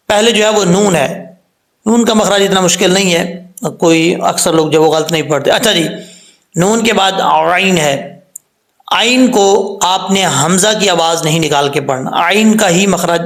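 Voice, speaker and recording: A man's voice: high-pitched, gravelly, a bit bright, echoey room, rough recording. A man with a Pakistani Urdu accent teaching Quran pronunciation step by step, patiently drawing out each letter sound and repeating it. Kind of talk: spoken tajweed lesson with drawn-out letter recitation.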